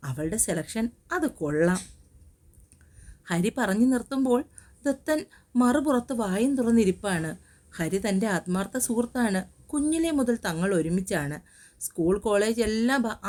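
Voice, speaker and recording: A woman narrating a romance audio story in a gentle, expressive reading. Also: fairly high pitch. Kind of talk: scripted narration.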